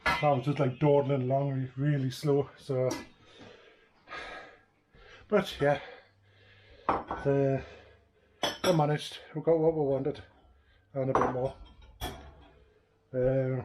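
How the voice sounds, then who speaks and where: A man's voice: mid-range voice, flat delivery, slow pace, pauses often, darkish tone, slight background noise. Man, middle-aged, casual vlog talk, rambling and unpolished, living room, faint background ambience. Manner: rambling, chatty, trailing off mid-sentence. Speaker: vlogger. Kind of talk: casual home video diary.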